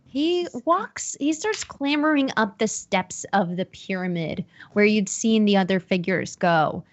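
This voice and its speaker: A woman's voice: mid-range voice, expressive, a little slow. A woman running a tabletop horror game as game master, describing scenes with frequent ums and restarts.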